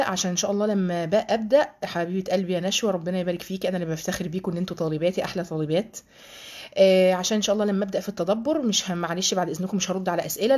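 A woman's voice: on the low side, darkish tone. A woman with an Egyptian Arabic accent giving a live online religious lesson to a women's group, chatty and affectionate, blessing her students by name. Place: home, live video stream.

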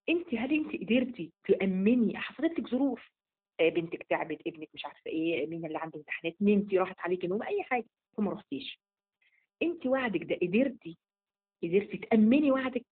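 A woman's voice: mid-range voice, breathy edge. A woman with an Egyptian accent giving a casual religious lesson, firing rhetorical questions and checking in with her listeners. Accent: Egyptian Arabic. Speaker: religious teacher. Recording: tinny phone-like audio.

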